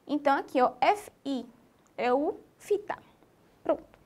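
A Brazilian woman teaching a literacy lesson to young children, in an animated, sing-song way and speaking straight to them. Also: sits high, a little slow. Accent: Brazilian Portuguese.

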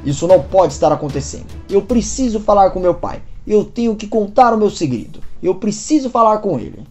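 A woman's voice: mid-range voice, expressive, fairly quick, warm tone, faint music behind, natural voice. A woman reading the lines of a troubled young man hiding a secret, in an urgent inner monologue.

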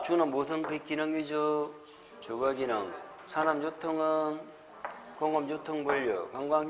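A man's voice: a little high, in a large hall, slight background noise. A man with a Gyeongsang accent giving an exam-prep lecture, drilling mnemonics and chuckling often.

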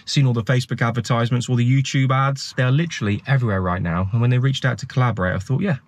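Very fast and fairly even in intonation, this medium-pitched English man in his thirties speaks on a dry recording with music underneath. As a van life vlogger in his parked camper van, he gives cheerful, cheeky, chatty talk to a mounted action camera.

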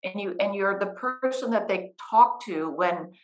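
A middle-aged writing coach and editor chats with an interviewer, sharing a living-room couch, and patiently walks through each practical step of her work. Her mid-range voice moves at a normal speed, captured on low-quality audio.

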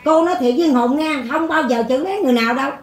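A woman's voice: high voice, rapid-fire, echoey room, crowd noise. An older woman with a Southern Vietnamese accent, giving a coarse, blunt, scolding monologue about faith to a group of listeners. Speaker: folk religious teacher.

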